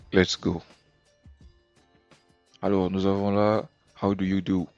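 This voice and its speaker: A man's voice: deep voice, darkish tone, no echo, muffled recording. A man teaching English pronunciation and greetings in a patient, explanatory way, often checking in with "ok?". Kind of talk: explanatory language lesson.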